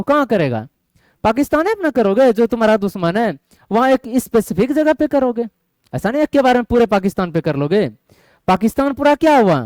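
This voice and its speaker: Clean studio audio with no room sound captures a high-pitched, darkish-toned man teaching math to a classroom. He quizzes the students often and keeps asking "getting my point?" to make sure they follow.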